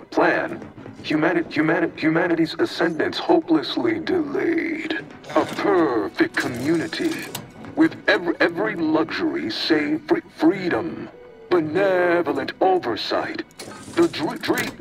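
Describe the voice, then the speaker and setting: A man's voice: fairly high pitch, exaggerated voice. An actor voicing a malfunctioning male AI supercomputer that stutters and glitches, stuck repeating broken syllables in mechanical loops. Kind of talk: video game dialogue. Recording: distant game audio with music behind.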